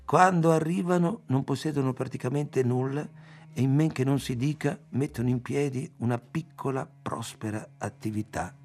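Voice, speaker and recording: A man's voice: medium pitch, normal speed, a little mellow, soft background music, lightly acted. A man reading aloud as a self-assured young man who boasts about business schemes. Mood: boastful.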